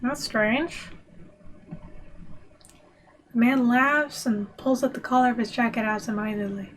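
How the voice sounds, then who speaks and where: Fairly high-voiced woman streaming a text game. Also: steady tone, unhurried, slight background noise, low-quality recording. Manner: wry, muttering asides to herself. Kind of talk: reading a text adventure aloud while playing.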